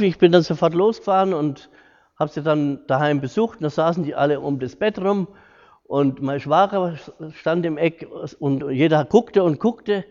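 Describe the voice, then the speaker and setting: A middle-aged man gives an informal lecture, earnest and homely, slipping into the voices of the people he quotes. His voice sits fairly high for a man. The recording is dull and lo-fi, with a long echo from a hall. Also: a little mellow. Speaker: hospital carer giving a talk. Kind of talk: informal lecture with personal stories. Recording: echoey hall, dull lo-fi sound.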